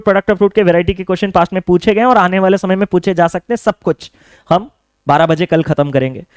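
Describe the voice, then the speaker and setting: A young man with a high voice coaches exam students, urging them on earnestly and asking them to think things through. The sound is close and dry, with no room echo. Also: a little mellow. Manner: earnest, urging, addresses students directly with rhetorical questions. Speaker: online exam coaching educator. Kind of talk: direct-to-camera coaching talk.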